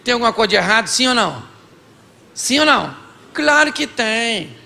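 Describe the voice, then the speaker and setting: A man's voice: very high-pitched, big pitch swings, moderate pace, creaky, pushed and bright, long reverb tail. A Brazilian man preaching a comic sermon on marriage to a live congregation, acting out both partners in couples' dialogues. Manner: acts out both sides of couples' dialogues, jokey. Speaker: pastor. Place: large church hall with audience.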